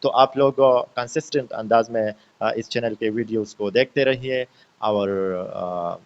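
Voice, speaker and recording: A man teaching a lecture, explaining slowly with many "uh" fillers, mixing Hindi-Urdu with careful English sentences and often checking in with his students. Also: mid-range voice, highs cut off. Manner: explains slowly, repeats points and checks in with "theek hai?"; hesitant with frequent "uh" fillers.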